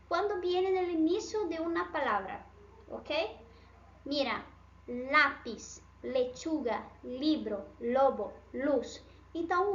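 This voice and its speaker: Brief: Brazilian woman, language teacher, high voice, keeps checking "ok?", echoey, slightly dull room sound. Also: a bit bright. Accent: Brazilian Portuguese. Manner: checks in often with "ok?" and "sí?". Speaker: Spanish teacher. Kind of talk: bilingual language lesson.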